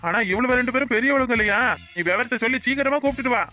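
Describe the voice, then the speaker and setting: A woman's voice: a little high, sharp tone, soft background music. A woman voicing a drunken village father in a cartoon family drama, scolding and self-pitying. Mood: pleading. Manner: rapid, nagging, scolding. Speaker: voice actor.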